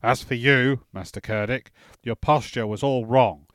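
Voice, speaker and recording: A man voicing a gruff veteran warrior in his late forties who barks stern instructions at boys. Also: fairly even intonation, measured pace, fairly bright tone, no echo, clean studio sound, natural voice. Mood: stern instructing. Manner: booming, stern drill instructor.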